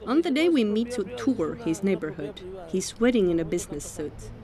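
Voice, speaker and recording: A woman from Finland reading a scripted documentary narration as a reporter, calm and measured. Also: medium pitch, crowd noise.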